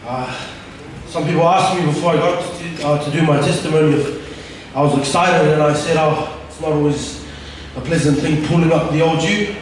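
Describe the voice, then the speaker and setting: A man's voice: fairly high pitch, a little hiss or hum. A young man from Tonga telling his life story as a church testimony on a stage with a handheld mic, casual and rambling with many fillers. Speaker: church member giving testimony. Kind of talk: personal testimony talk. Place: church stage, large room. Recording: echoey hall from far off.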